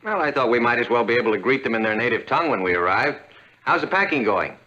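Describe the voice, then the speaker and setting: A cheerful, reassuring sitcom dad. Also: male voice, mid-range voice, expressive, fast, pushed and bright. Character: cheerful, reassuring middle-aged father. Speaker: father. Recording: dull old TV soundtrack.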